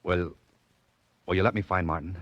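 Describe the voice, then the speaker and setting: A wry writer in an old radio show. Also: male voice, sits low, fairly even intonation, no echo. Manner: quick wisecracking delivery, stammers when pressed. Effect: old radio show broadcast sound. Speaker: lead and narrator of a radio drama. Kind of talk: 1940s radio drama acting. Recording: dull lo-fi old radio recording with faint music.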